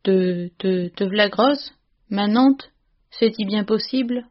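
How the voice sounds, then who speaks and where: A woman voicing a furious old peasant farm mother who scolds loudly in rural dialect. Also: medium pitch, measured pace, muffled recording, close to an everyday voice. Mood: shocked.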